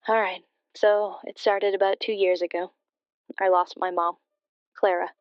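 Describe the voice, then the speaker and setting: An actress plays a grieving, hesitant daughter phoning a late-night radio show, telling a confessional story in a radio drama with subdued grief and a hesitant, subdued manner. Her mid-range voice is smooth and clean with even intonation, unhurried and lightly acted, with no echo. The sound is muffled and band-limited like a phone-in, slightly dull.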